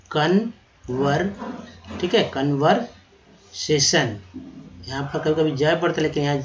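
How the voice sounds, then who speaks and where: Man slowly spelling out words. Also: a little high, muffled recording, noisy background. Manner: spells out words letter by letter and repeats them slowly; addresses viewers as friends. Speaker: English teacher. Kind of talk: vocabulary lesson.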